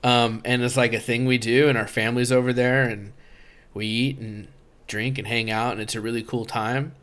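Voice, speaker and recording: A man's voice: mid-range voice, flat delivery, a bit bright. A man co-hosting a podcast in casual chat, talking loosely and filling his sentences with "like". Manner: chatty, full of "like" and quick interjections. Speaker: podcast co-host.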